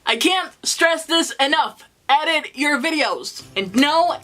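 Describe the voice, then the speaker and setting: A young woman, a native Spanish speaker with a Spanish accent, offers earnest, encouraging advice to the camera in her booktuber vlog. Her voice is high with a sharp tone.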